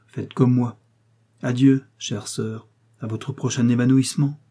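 A man's voice: medium pitch, level tone, unhurried, warm tone. A man voicing a scornful nobleman who taunts his prisoner with laughing sarcasm, in an audiobook reading. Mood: taunting. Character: mocking English nobleman, scornful jailer.

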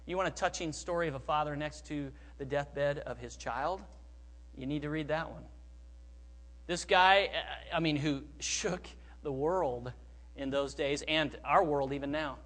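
Middle-aged man, pastor, sermon, slightly high voice, hushed then emphatic. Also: measured pace. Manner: swings from soft, hushed phrases to loud emphatic bursts.

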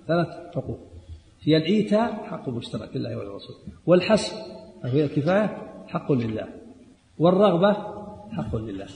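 A man giving a religious lesson on a book, emphatic and repetitive, dropping into quiet asides. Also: fairly high pitch, slight background noise. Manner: emphatic, repeats key points, drops to quiet asides. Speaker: Islamic scholar teaching a text. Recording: echoey hall recording.

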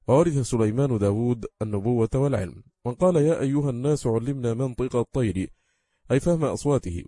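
A man reading a classical scripture commentary aloud in careful, measured formal diction. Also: mid-range voice, dark tone, no room sound. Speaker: reader of Quran commentary.

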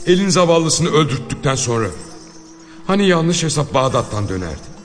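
A man voicing a mortally wounded male outlaw who talks on defiantly while dying, his voice low and subdued. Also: very animated, moderate pace, big-room sound, soft background music. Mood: fading. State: dying from a gunshot.

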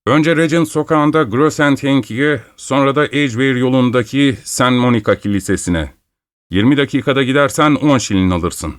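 A man voicing an excited young male lawyer who shouts orders in a hurry. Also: medium pitch, moderate pace, no room sound, studio quality, voice pushed up, natural voice. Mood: urgent. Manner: shouting urgently.

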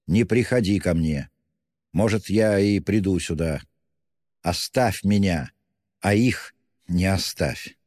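Brooding feverish young man, slow and grave, deep dark voice, played by a male reader. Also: no room sound, clean studio sound, big-room sound.

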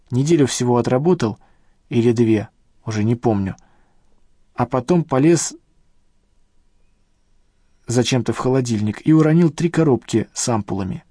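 Lightly acted, a man's mellow voice takes on a grumbling, rueful elderly male professor in an audiobook, complaining and defensive, raised in pitch over the reader's own. The recording has clean studio sound with no room sound.

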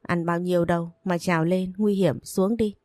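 Woman reading as a young dad, doting, gently scolding, lowish voice, dry close recording, audiobook. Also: steady tone, normal speed, no room sound, lightly acted. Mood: teasing, scolding. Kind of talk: audiobook narration.

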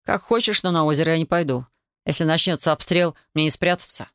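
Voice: medium pitch, quick pace, a bit bright, clean tone, no echo, lightly acted. A reader voicing a tired, reluctant wounded young soldier, in a dry studio audiobook recording. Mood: weary. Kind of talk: audiobook character voice.

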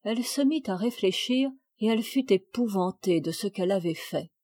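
A woman reading an audiobook of a classic children's story in a steady, clear storytelling manner. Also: mid-range voice, normal speed, no room sound. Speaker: audiobook reader. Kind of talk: scripted narration.

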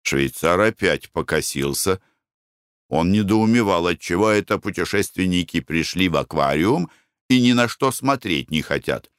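A man narrating a story in a measured audiobook reading. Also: deep voice, animated, smooth, no room sound, studio quality.

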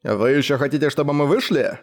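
A man voicing a brash, boastful biker who talks loudly and mockingly, with a raised, swaggering voice. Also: a little high, a little fast, natural voice. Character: brash boastful male biker, loud and cocky.

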